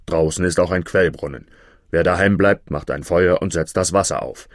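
A man voicing a strong, blunt blacksmith in a fairy tale, in a gruff, steady tone. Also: low voice, normal speed, no echo, studio quality, natural voice.

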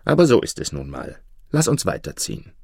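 Stern old vagabond mentor, slow and deep, dry sound, voiced by a man narrator. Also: wildly swooping pitch, vocal fry, warm tone, husky, no echo, exaggerated voice. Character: stern old male vagabond master thief.

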